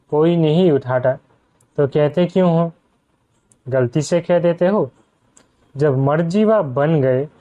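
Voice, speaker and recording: Man, spiritual speaker addressing a crowd; very slow, measured delivery on a muffled recording. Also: a little high, warm tone. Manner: slow, rhetorical questions to the listeners. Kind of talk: spiritual discourse to an audience. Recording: dull lo-fi recording.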